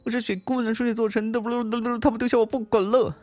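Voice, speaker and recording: A woman voicing a timid young snow maiden girl who sobs, stammers and pleads in a high, quick voice. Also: level tone, darkish tone, faint music behind, natural voice. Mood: refusing. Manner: wailing, stammering, fast high sobbing speech.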